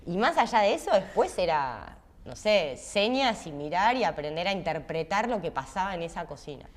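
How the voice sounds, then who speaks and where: Female chef, Argentine accent, slightly low pitch, animated storyteller who quotes her past self. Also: moderate pace. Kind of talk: interview storytelling.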